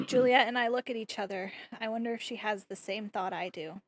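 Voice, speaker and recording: A woman streamer reading a visual novel aloud live, switching between expressive narration and playful jokes. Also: on the high side, a little fast, slight background noise. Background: game music.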